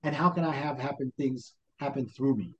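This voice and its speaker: A man's voice: mid-range voice, a little fast, a bit bright, lo-fi sound. A man with a Brooklyn accent explaining things as a life coach in an interview, motivational, posing questions and voicing people's self-talk. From Brooklyn, New York. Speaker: life coach, podcast guest.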